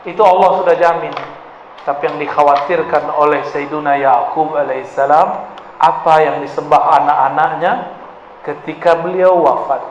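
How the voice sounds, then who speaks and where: A man's voice: fairly high pitch, fairly even intonation, moderate pace, highs cut off, a little hiss or hum. A man preaching a Sufi study sermon to a live audience, conversational, quizzing listeners and acting out voices. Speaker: Islamic preacher. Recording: echoey hall with faint ambience.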